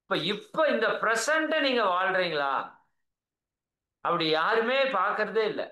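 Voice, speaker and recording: A man's voice: sits high, very animated, a little slow, sharp tone, reverberant. A man with a Tamil accent giving a spiritual talk over a video call, earnest and coaxing, often asking his listeners whether they agree. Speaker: spiritual teacher.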